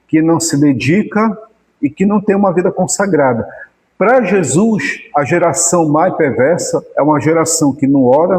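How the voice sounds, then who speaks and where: A man's voice: a little high, darkish tone. A man teaching a Bible commentary, explaining the text and asking rhetorical questions he then answers himself. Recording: long hall reverb.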